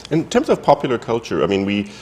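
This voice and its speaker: A man's voice: medium pitch, wildly swooping pitch, fast talker, a little mellow. A man interviewing a guest, asking leading questions that end in tags. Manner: leading questions with tag endings. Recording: reverberant hall with faint noise.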